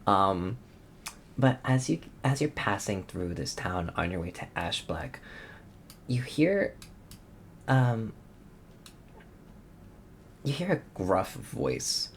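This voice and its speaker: Male game master, very low gravelly voice, hesitant casual narration. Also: sing-song, slow pace, long pauses, slight background noise. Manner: hesitant, many ums, casual descriptive narration.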